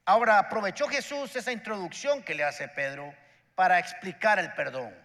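A man's voice: sits high, moderate pace, a bit bright, long reverb tail. A man, preaching a sermon as a pastor and acting out the characters in his story.

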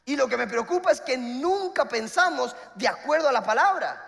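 A man, preaching a sermon and telling a funny personal story with animated, acted-out voices. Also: very high voice, normal speed, gravelly, in a large hall.

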